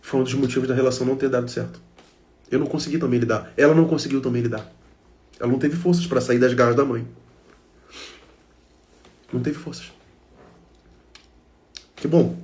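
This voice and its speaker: A man's voice: a little high, a little mellow. Emphatic Brazilian man addressing an audience. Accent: Brazilian Portuguese. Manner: emphatic, addresses listeners directly with short repeated phrases. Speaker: speaker giving a talk. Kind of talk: emotional self-help talk to an audience.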